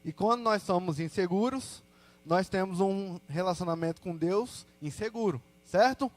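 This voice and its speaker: High-voiced young Brazilian man testifying. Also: normal speed. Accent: Brazilian Portuguese. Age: young adult. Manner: casual, slangy storytelling with lively quoted asides. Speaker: church testimony speaker. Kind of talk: personal testimony to a congregation.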